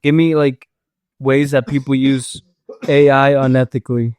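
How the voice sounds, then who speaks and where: A man's voice: medium pitch, flat delivery, moderate pace, darkish tone, dry recording. A young man co-hosting a casual podcast, talking hesitantly with many fillers. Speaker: podcast co-host. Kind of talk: casual chat.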